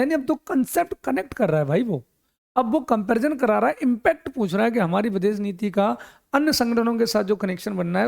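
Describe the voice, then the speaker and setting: A middle-aged man with a high, creaky, darkish voice gives an exam coaching lecture. He mixes English terms into his explanations and often poses questions only to answer them himself.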